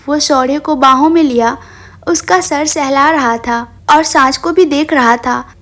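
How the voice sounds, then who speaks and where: A woman storyteller reading a tender drama with an expressive, emotional delivery. Her voice sits high and keeps a steady storytelling flow. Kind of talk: scripted story narration.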